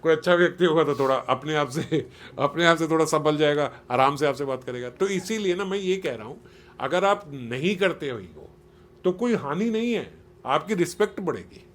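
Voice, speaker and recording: A man's voice: fairly high pitch, animated, normal speed. A man giving a conversational spiritual talk to a small group, earnest and persuasive, often putting questions to his listeners. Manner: questioning, quizzes listeners, acts out quotes in everyday voices. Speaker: spiritual teacher.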